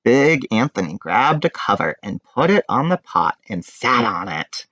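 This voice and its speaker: A man reads a picture book to children in a very lively, swooping voice. He is expressive and informal, and the recording is dry and a little dull. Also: medium pitch, measured pace, no room sound. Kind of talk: animated children's read-aloud.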